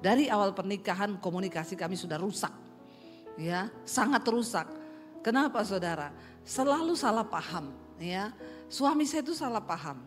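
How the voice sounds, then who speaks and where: A middle-aged woman pastor with a Sulawesi accent, preaching a lively, joking sermon to a congregation. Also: medium pitch, normal speed. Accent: Sulawesi Indonesian. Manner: animated, joking, teasing the congregation. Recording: reverberant hall with faint music.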